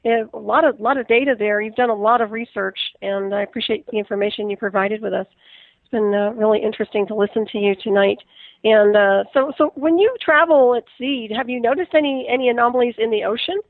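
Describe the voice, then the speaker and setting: A woman hosting a radio talk show, briskly thanking her guest and wrapping up the hour with an encouraging manner. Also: fairly high pitch, no echo. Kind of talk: radio show interview and sign-off. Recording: tinny phone line.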